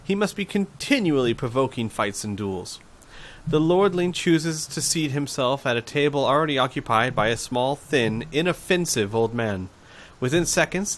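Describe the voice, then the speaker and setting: A man's voice: medium pitch, a bit bright. Man reading a gamebook aloud. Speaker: host and reader.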